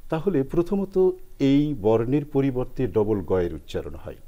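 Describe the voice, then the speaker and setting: A man explains pronunciation rules on a televised language program, carefully breaking each word into its sounds. His pitch rises and falls a lot as he talks, and his tone is dark and mellow. The recording is slightly dull, like broadcast audio. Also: animated, normal speed. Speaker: language expert guest.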